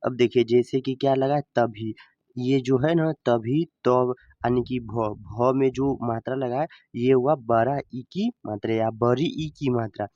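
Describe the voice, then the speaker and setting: A man's voice: mid-range voice, a little slow, dark tone, no room sound, lo-fi sound. A man teaching Hindi reading, who stretches out words syllable by syllable and poses questions to himself before he answers them. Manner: explains by asking and answering his own questions. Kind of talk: slow teaching lesson, sounding out letters.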